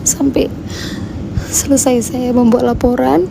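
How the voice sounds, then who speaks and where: A woman gives a personal account for a news report, her voice high and full of fry. She talks slowly in halting, fragmented phrases with a dark, mellow tone. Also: flat delivery, noisy background. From Medan, Indonesia. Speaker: mother filing a police report.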